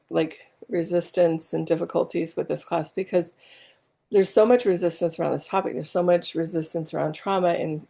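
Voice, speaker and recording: A woman's voice: lowish voice, creaky, warm tone. A middle-aged woman teaching an online healing class from home, chatty and full of fillers and asides. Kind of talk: casual teaching talk.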